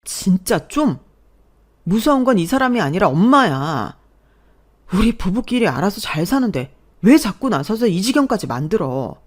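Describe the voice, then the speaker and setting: A woman's voice: lowish voice, big pitch swings, a little slow, a little mellow. A worn-out husband, played by a woman in a radio drama, stuck between his wife and his mother. He sounds exasperated and pleading, with a voice that rises and falls widely. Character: married man, weary husband caught between wife and mother. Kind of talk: Korean radio drama acting.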